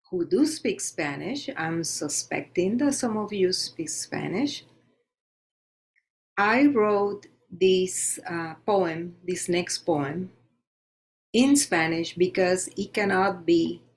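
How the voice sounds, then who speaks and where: A woman reading her own poems aloud for an open mic event in a slow, deliberate recitation, from a self-made recording. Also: medium pitch, rough recording. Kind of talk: poetry reading. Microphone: self-made video recording.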